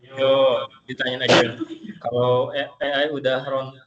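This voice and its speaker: A man's voice: mid-range voice, little pitch movement, measured pace, very noisy. Casual man moderating, dull lo-fi audio. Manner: casual, hesitant, loose phrasing. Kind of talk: online sharing session.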